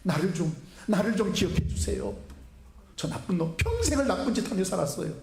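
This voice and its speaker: A preacher playing a pleading repentant criminal. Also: male voice, high voice, big pitch swings, brisk, creaky, a little mellow, a little hiss or hum, pitched above the performer's own voice, exaggerated voice. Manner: pleading, humble. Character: repentant male criminal begging for mercy. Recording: echoey church hall.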